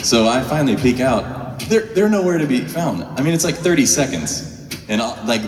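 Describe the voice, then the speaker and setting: Live on stage before an audience in a large hall, a man tells a wry, humorous story in a colloquial style. His medium-pitched voice is sing-song and moderately paced. The recording sounds distant and echoey, with music playing behind him.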